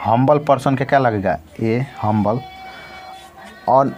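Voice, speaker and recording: A man's voice: medium pitch, darkish tone, a little hiss or hum. A male teacher giving a grammar lesson, saying each word several times and answering his own questions as he goes. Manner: repeats words slowly, asks and answers own questions.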